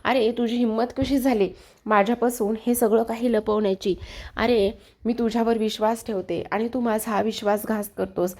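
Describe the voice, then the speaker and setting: A woman's voice: a little high, steady tone, moderate pace, a little mellow. A woman voicing a hurt, angry young wife who keeps firing reproachful questions at a man in a TV serial recap. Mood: tearful, furious.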